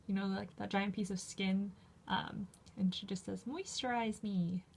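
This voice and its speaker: A woman's voice: mid-range voice, monotone, normal speed, gravelly, a little mellow, slight background noise. A young woman, a student, talking casually to camera in a vlog, upbeat with fillers. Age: young adult. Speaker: student vlogger.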